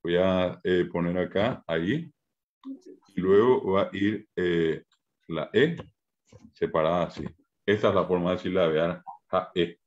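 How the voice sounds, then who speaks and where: A man's voice: low-pitched, muffled recording. Patient man teaching, syllable by syllable. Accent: Paraguayan Spanish. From Paraguay. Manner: patient, spells out syllables slowly. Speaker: Guarani language teacher. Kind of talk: online language lesson.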